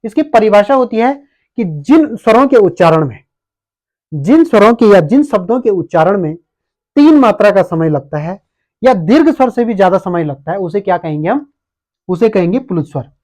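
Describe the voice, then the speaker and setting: A man's voice: sits high, sing-song, moderate pace, darkish tone. Man teaching, answering his own questions. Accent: Uttarakhand Hindi. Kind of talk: exam-prep lesson.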